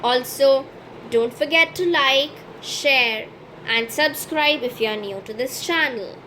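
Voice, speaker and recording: A woman hosting a French lesson channel, explaining slowly and drilling pronunciation carefully. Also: high-pitched, bright, forceful tone, slight background noise, rough recording. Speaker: French teacher and channel host. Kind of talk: slow instructional explanation.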